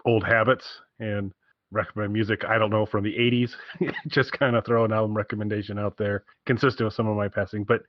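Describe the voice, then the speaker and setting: This podcast co-host rambles casually and enthusiastically through album recommendations, dropping wry asides along the way. His voice sits fairly low with a level tone and a slightly fast pace, and the recording is dull with no echo.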